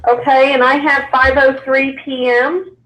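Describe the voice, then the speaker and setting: A high-voiced woman comes through a crackly cordless phone line, chairing a board meeting. She speaks briskly and in order, moving from one agenda item to the next. The call sounds echoey and hollow. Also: little pitch movement, fairly bright tone. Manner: brisk, procedural.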